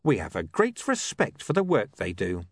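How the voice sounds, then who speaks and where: Casting: male reader doing a calm, sly crook, clipped, lifted pitch, lively inflection, close dry sound. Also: moderate pace, dry recording, exaggerated voice.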